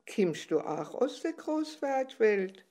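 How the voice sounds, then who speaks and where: A woman voicing a small, shy dandelion that longs for the wide world, asking gentle, curious questions. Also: a little high, sing-song, slow pace.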